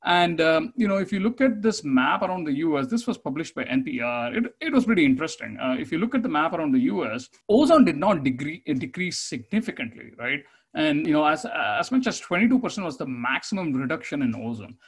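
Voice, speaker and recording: A man's voice: on the high side, sing-song, brisk, few pauses, husky. A man giving a webinar slide presentation over a video call, explaining steadily with many fillers and restarts. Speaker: conference presenter.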